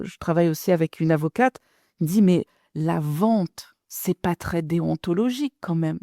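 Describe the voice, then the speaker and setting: Woman, business coach, podcast monologue, chatty and direct, warm dark tone, dry close sound. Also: sits low, gravelly, no echo. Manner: direct, chatty, addresses the listener.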